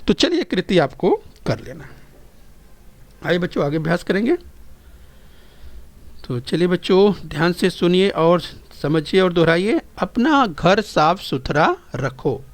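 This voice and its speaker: A patient male teacher coaxing children. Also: fairly high pitch. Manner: patient, repeats phrases slowly for pupils to echo; addresses the children constantly, coaxing and encouraging. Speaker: primary school teacher. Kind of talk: recorded Hindi lesson for young children.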